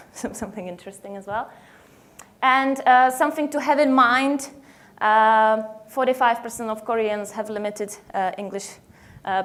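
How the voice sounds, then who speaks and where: A woman's voice: mid-range voice, slight background noise. A young woman from the Czech Republic with a Czech accent, giving a conference presentation with many fillers and restarts. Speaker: conference speaker. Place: conference hall.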